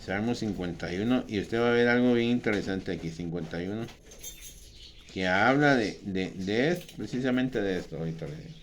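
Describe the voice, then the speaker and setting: A man preaching a sermon as a pastor, swinging from loud, emphatic outbursts to quieter teaching. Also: lowish voice, expressive, a little fast, slight background noise.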